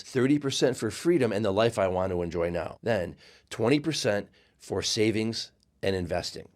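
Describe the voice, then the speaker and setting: Measured man explaining money. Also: lowish voice. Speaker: finance video host. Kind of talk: scripted explainer.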